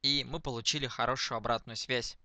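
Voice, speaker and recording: A man dictating text slowly to speech recognition, speaking each punctuation mark aloud, word by word. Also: medium pitch, fairly even intonation, pushed and bright, no echo. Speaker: dictation demonstrator.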